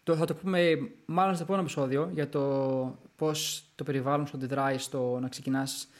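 A young man co-hosting a podcast in casual conversation, talking in animated quick bursts. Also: medium pitch. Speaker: podcast co-host.

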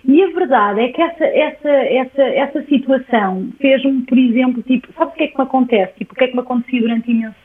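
Portuguese woman, high voice, sounds like she's on a phone line, chatty and expressive, keeps repeating words. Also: fast, few pauses. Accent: European Portuguese. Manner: expressive, repeats words while searching for them. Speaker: podcast guest. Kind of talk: casual personal storytelling.

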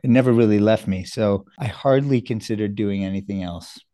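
Speaking briskly, a middle-aged guest surgeon from New York comes across as earnest and slightly self-deprecating in a relaxed interview. His voice is warm and low-pitched. The audio is close-miked and dry, with no room sound.

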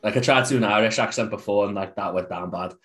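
A man's voice: lowish voice, fast, a bit bright. Young Scouse man, podcast guest, casual and rambling. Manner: rambling, heavy use of "like". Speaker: podcast guest, fitness coach.

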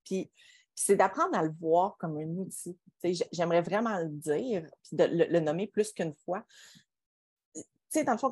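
A woman with a somewhat low voice and a Quebec French accent, in casual podcast conversation. She is emphatic and colloquial, often putting questions to the listener. The sound is close and dry. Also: darkish tone, slightly rough, no room sound. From Quebec, Canada.

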